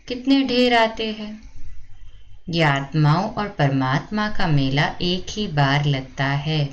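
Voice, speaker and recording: A woman giving a slow, measured reading of a spiritual discourse in a steady reciting tone. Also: on the low side, highs cut off. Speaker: spiritual reader.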